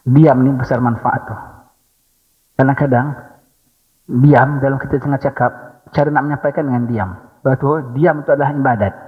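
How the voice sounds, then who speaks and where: Malaysian preacher in an echoing hall. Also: male voice, mid-range voice, steady tone, normal speed, pauses often. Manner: rhetorical "ha?" prompts, humorous asides. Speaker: religious teacher. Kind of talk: religious lecture. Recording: dull recording in a long-echoing hall.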